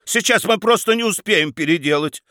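An indignant, flustered baroness in a pitched-up voice, put on by a man. She speaks in sharp, flaring bursts. The sound is dry and close. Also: animated, a little slow, no echo.

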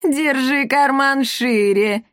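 A woman reading a story aloud, voicing a loud, bullying middle-aged female commandant who shouts and mocks. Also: moderate pace, dry recording, studio quality, lightly acted. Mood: mocking. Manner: shrill, shouting, mocking.

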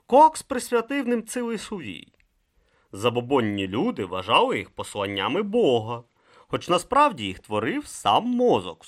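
An audiobook narrator reading with dramatic, expressive delivery. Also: medium pitch.

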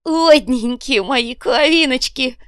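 Lady putting on a pompous chieftain guy, high and loud, drawn-out speech, smooth clear voice. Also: dry recording, studio quality. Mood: grandiose.

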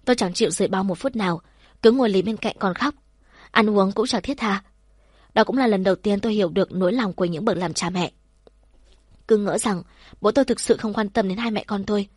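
A woman tells a first-person story in a soft, measured and heartfelt manner. Her voice sits at an ordinary middle pitch with a husky, breathy grain. The recording is dry and close, with no room sound. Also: no room sound.

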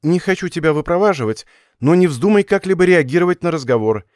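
A man's voice: a little high, expressive, fast, darkish tone, dry recording, clean studio sound, voice pushed up, close to an everyday voice. A man reading an audiobook voices a stubborn, superstitious young woman student, talking in a raised, pleading, headstrong way. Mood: insistent.

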